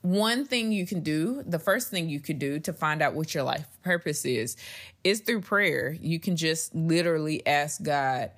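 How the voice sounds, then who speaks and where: A woman's voice: sits low, unhurried, fairly bright tone. A woman hosting a faith-based podcast, talking earnestly in a rambling, personal way with frequent restarts. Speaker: podcast host.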